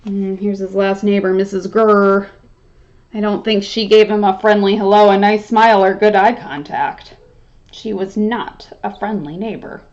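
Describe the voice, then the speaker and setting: A woman reading a picture book aloud to children, stopping to ask questions in an animated, encouraging, teacher-like way. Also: medium pitch, normal speed, dull audio. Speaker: storytime reader.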